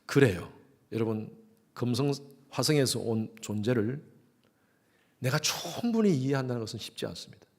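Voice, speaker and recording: A man in his sixties preaching a sermon in church, lively and acting out quarreling couples. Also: mid-range voice, moderate pace, long pauses. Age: 60s. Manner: lively, acts out quarreling couples in quoted lines. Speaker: pastor.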